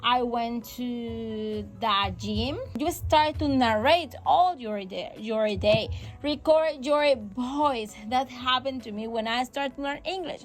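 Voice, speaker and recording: A Spanish-speaking woman hosts a casual English-learning podcast as an English teacher, speaking slowly in a fairly high voice over faint background music. She is encouraging, repeats key phrases and makes small grammar slips.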